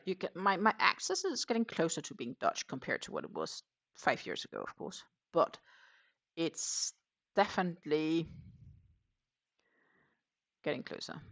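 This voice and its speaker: A Danish crochet livestreamer with a Danish accent chats casually and responds to viewer comments as she works. Her voice sits in the mid range, slightly bright, with no echo. She thinks out loud, full of fillers and sentences that trail off.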